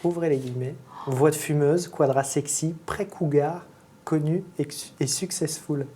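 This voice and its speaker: A woman hosting a casual interview, teasing and quick to interject. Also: deep voice, steady tone, mellow, breathy edge. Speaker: interviewer, host.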